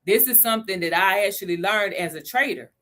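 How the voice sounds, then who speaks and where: A woman with a medium-pitched, bright, forceful voice hosts a casual livestream teaching crypto basics. She chats with viewers, greets them by name, and slows down to stress the key points.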